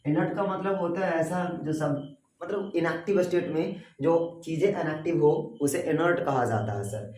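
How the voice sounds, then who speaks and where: A man teaching English vocabulary in Hindi, spelling words letter by letter and drilling pronunciation in a slow, drawn-out way, often calling his listeners sir. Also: a little high, a little mellow. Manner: addresses viewers as sir and bhai. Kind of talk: Hindi vocabulary lesson with repeat-after-me drills. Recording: roomy echo, voice from a distance.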